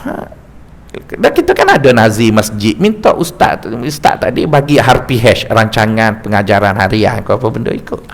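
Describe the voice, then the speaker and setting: Lively stammering Malaysian preacher man. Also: on the low side, moderate pace. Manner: lively, jokey storytelling with stammered restarts. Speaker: religious teacher. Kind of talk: mosque lecture. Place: mosque lecture hall.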